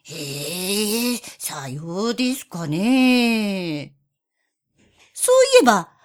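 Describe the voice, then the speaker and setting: A woman's voice: medium pitch, big pitch swings, extremely slow. A woman voicing a sly, scheming male spotted cat who coaxes in a syrupy tone, in a storybook reading. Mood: coaxing. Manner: coaxing, wheedling tone.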